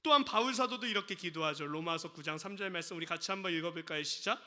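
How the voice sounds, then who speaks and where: Male pastor, sermon, asks questions, acts out quotes, ringing bright voice, long church reverb. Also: high-pitched, fast. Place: church sanctuary.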